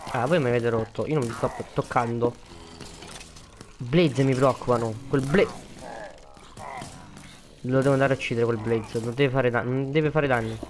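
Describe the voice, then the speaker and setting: A man's voice: mid-range voice, fairly even intonation, moderate pace, long pauses. A young man giving casual gameplay commentary, chatty and prone to panicked repeated pleading. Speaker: gaming video creator.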